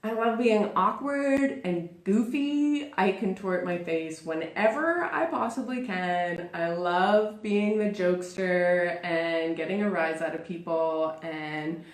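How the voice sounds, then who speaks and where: A woman's voice: lowish voice, takes it slowly, hardly any pauses. Woman in her 30s hosting a live show, chatty, theatrical, jokes about herself, lots of like and super, echoey room. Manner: theatrical and self-mocking. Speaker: talk show host. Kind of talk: live personal monologue. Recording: roomy echo.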